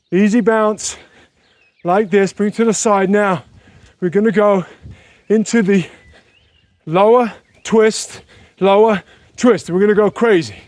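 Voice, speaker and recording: A man's voice: sits high, dry recording. A man leading a trampoline workout outdoors, counting reps and calling out moves in an upbeat coaching manner while bouncing along. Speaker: fitness instructor. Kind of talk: workout instruction. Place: outdoors at a sunny retreat.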